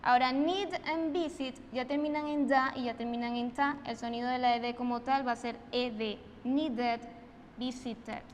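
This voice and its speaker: High-voiced Venezuelan teacher, slow and emphatic. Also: female voice, fairly even intonation, long reverb tail, a little hiss or hum. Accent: Venezuelan Spanish. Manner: slow, emphatic repetition of example words; switches between Spanish and English. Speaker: English teacher. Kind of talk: recorded online English lesson.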